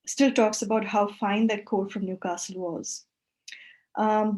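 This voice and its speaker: A woman's voice: mid-range voice, darkish tone. A woman in her forties who grew up in India gives a workshop talk over a video call. She speaks thoughtfully, with frequent fillers and self-corrections. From West Bengal, India. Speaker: workshop presenter.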